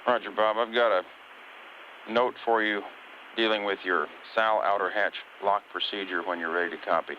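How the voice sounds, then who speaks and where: A man working as a mission control communicator, talking to a spacecraft over radio in a measured, polite, procedural way. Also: fairly low pitch, steady tone. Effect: radio transmission. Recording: dull hissy air-to-ground space radio.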